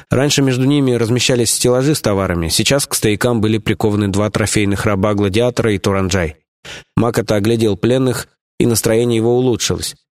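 A man's voice: fairly low pitch, darkish tone. Man narrating an audiobook. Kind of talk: scripted narration.

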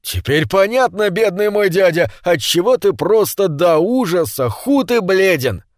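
A man doing an excitable, exclaiming nephew. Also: high-pitched, measured pace, no echo, studio quality, pitched above the performer's own voice. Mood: eager. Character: eager, exclaiming middle-aged male nephew.

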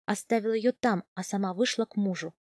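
A woman narrating a novel in the first person, measured and softening on quiet lines. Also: medium pitch, no room sound, clean studio sound. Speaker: audiobook narrator.

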